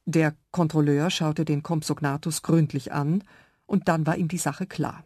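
Brief: a low-voiced woman narrating a children's radio story, calm and clear, dry studio. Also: a little slow, dry recording. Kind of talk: scripted story reading for children.

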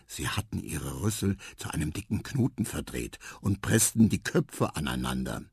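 A man reading a children's radio story aloud in a gentle, storytelling manner. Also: very deep voice, very animated, normal speed, creaky, slightly rough, dry recording, clean studio sound. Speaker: narrator.

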